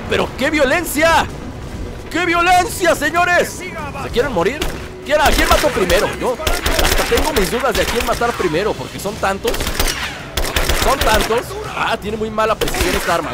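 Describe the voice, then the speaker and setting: Lively man commenting gameplay. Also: sits high. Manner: joking, chatty, bursts into excited yelps. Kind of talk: let's-play commentary.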